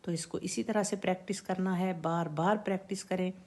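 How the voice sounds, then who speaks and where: A woman teaching Quran recitation rules, patiently repeating words and sounds slowly for her students to practise. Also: lowish voice, fairly even intonation, darkish tone. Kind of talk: slow instructional lesson with recited examples.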